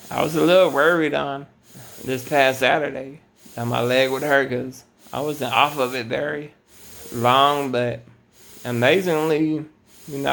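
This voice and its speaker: A man's voice: mid-range voice, gravelly, a bit bright, slight background noise. A man talking in a casual, rambling late-night monologue to his viewers, laid-back and often saying "man". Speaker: vlogger. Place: at home at night.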